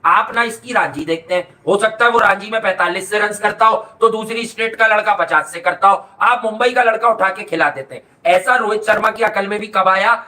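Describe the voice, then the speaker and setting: A man in casual cricket talk, blunt and exclaiming. His voice is high and sharp-edged. He speaks as a pundit. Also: fairly quick, hardly any pauses.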